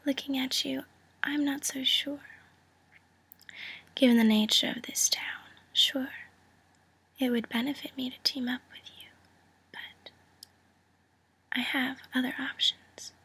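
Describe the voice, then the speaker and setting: A woman playing a cool, calculating female mobster in a whispered role-play, breathy, teasing and condescending, delivering a friendly threat. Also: high-pitched, fairly even intonation, unhurried, pauses often, fairly bright tone, exaggerated voice. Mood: cool, doubting.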